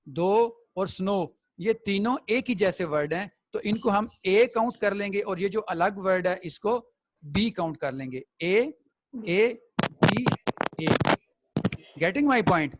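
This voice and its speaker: A man's voice: high voice, animated, slow pace, slight background noise, rough recording. A man teaching a classroom poetry lesson. He explains step by step and keeps checking that the students follow.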